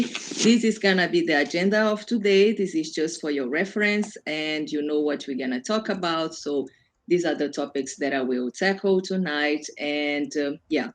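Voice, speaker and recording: A deep-voiced woman from Brazil's Amazon region, a native Portuguese speaker with a Brazilian accent, presents an online workshop as a self-development coach. She speaks conversationally, rephrasing as she explains.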